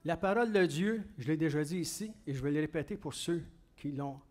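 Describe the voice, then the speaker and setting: High-voiced Québécois preacher, fast and chatty. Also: male voice. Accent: Québécois French. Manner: fast-talking, conversational preaching with questions to the congregation. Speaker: pastor. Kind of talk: sermon.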